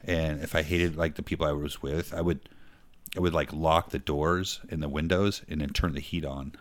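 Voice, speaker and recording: A man's voice: a bass voice, fairly even intonation, moderate pace. A middle-aged man, a podcast co-host, telling crude prank stories in casual chat. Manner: crude storytelling, joking.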